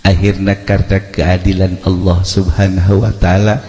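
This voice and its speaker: A male preacher tells a story during a sermon, his low, dark voice echoing with reverb at a normal speed and with little pitch movement. He is theatrical, switching between narration and heightened quoted speech as he acts out dialogue for the congregation.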